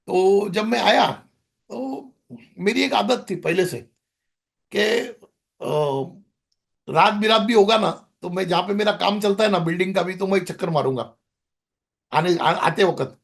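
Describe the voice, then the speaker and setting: A man's voice: high voice, a little slow, gravelly, a bit bright. A middle-aged man, a podcast guest, telling a rambling story in casual conversation, with many restarts.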